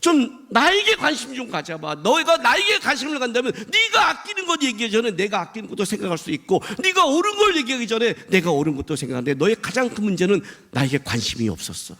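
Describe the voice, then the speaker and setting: A man's voice: high-pitched, huge pitch swings, fairly quick, fairly bright tone, heavily acted. A man voicing God, earnestly pleading. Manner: earnest, rising and emphatic. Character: God gently pleading with a prophet.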